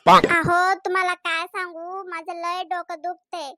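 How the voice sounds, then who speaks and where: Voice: very high-pitched, little pitch movement, unhurried, pushed and bright, no echo, full character voice. A weepy, complaining young cartoon mother, voiced by a performer, whining to her husband in a dry, close voice. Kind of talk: cartoon voice acting.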